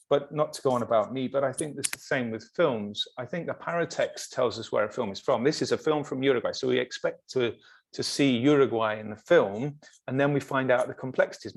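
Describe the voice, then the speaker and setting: A middle-aged man from England, a film studies professor, speaking thoughtfully in an academic discussion. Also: medium pitch. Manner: thoughtful, reflective, searching for words.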